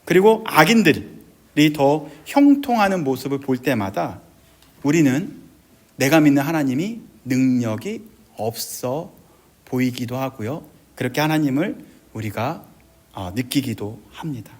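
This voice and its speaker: A middle-aged man pastor preaching a sermon, animated, acting out quoted voices with big jumps in his voice. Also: medium pitch, a little slow.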